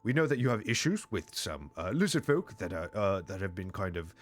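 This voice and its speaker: A man voicing a courteous mushroom-folk envoy who talks in a halting, stammering way. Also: low-pitched, big pitch swings.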